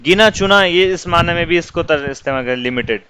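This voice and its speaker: A man with an Urdu accent teaching English words, dictating slowly and repeating each meaning for students to copy. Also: on the high side, bright, forceful tone, a little hiss or hum, low-quality recording. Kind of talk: vocabulary lesson dictation.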